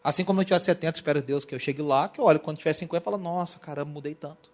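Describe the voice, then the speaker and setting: A young man from Brazil giving a lively church lecture on worship, telling stories and acting out quotes. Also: a little high, rapid-fire. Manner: animated, storytelling, acts out quotes. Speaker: worship teacher. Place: church hall.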